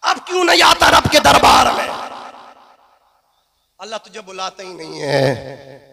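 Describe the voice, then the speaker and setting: A man preaching a fiery sermon, shouting his lines in a sing-song cadence, with a crowd and music behind him. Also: high-pitched, huge pitch swings, a little slow, creaky.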